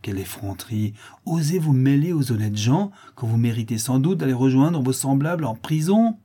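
A man's voice: medium pitch, very animated, a little fast, warm tone, breathy edge. A man reading the part of an indignant farm mistress and mother, scolding and shocked. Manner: outraged, scolding.

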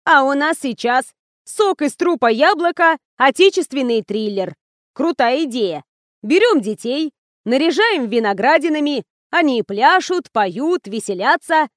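A chatty coworker rattles on with gossip and mockery in a bright, high voice, as a woman reader plays her. The recording is dry and close. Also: a little slow, no echo. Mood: gossipy. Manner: lively, gossipy, mocking.

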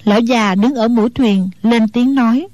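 A woman narrates a martial-arts novel in a steady, even storytelling voice. Her pitch sits a little high. The recording is dry and close. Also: normal speed, dry recording.

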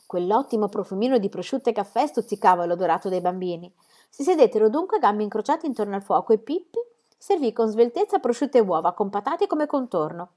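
Expressive woman reading a children's book. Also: mid-range voice, quick pace. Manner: expressive, storytelling. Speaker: reader.

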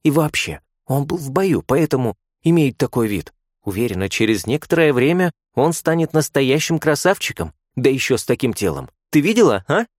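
Man doing a bossy, teasing young nurse, high voice, lively. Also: moderate pace, no room sound, studio quality. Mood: defending. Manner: bossy, mocking.

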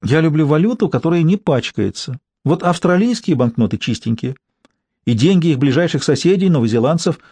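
A man's voice: a little high, expressive, fairly quick, mellow, breathy edge, no echo, voice pushed up. A man voicing a prim, prudish young woman who works as a bank clerk, in an audiobook reading. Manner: prissy and disdainful. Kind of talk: audiobook character voice.

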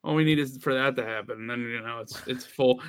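A man's voice: mid-range voice, fast, smooth, no room sound. A man co-hosting a casual basketball podcast, reeling off names and making dry teasing remarks. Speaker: podcast co-host. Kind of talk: casual chat.

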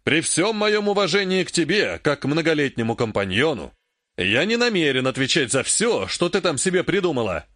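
A man reading an audiobook, voicing an emperor who speaks softly and in a measured way. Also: fairly high pitch, big pitch swings, no room sound, clean studio sound. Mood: stern irritated. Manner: soft, placating, measured. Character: calm, mild-mannered male emperor, later irritated.

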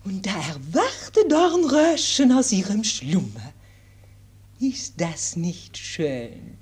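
An actress playing a gentle, fussy French royal governess in a radio play, plaintive and over-refined. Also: female voice, medium pitch, very animated, fairly quick, roomy sound, natural voice.

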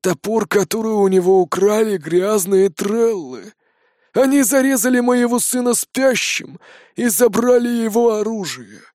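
Raspy ancient old man in an audiobook, hushed and grave, rustling voice, dry close sound, a man acting him. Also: high voice, a little slow, no echo, pitched above the performer's own voice. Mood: grave quiet. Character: ancient, hunched, grey old man, grieving father.

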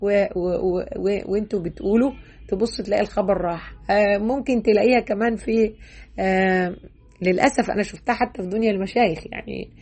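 Middle-aged Egyptian woman lecturer, quick husky delivery, emphatic colloquial teaching with stammered restarts. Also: mid-range voice, a little mellow. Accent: Egyptian Arabic. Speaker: religious lecturer. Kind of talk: religious lesson commentary.

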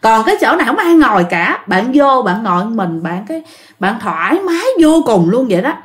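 A woman tells ghost stories in a casual, chatty way. Her voice sits fairly high and moves up and down a lot. She speaks straight to her listeners and fills her talk with little fillers. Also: big pitch swings, a little fast. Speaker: ghost story narrator.

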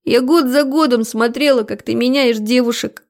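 A woman reading as a shrill, tearful young woman. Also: fairly even intonation, moderate pace, lightly acted. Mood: pleading. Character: hysterical young woman, lying, desperately clingy. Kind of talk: audiobook character voice.

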